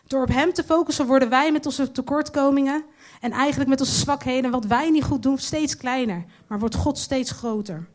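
A woman preaching a sermon, earnest and slowing down to stress her key lines. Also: high-pitched, a little mellow.

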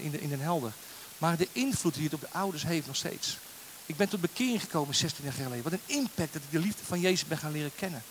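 A man preaching a lively sermon as a guest speaker, joking and getting the congregation to say lines along with him. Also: fairly high pitch, slight background noise. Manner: animated, jokey, leads the crowd in call-and-response.

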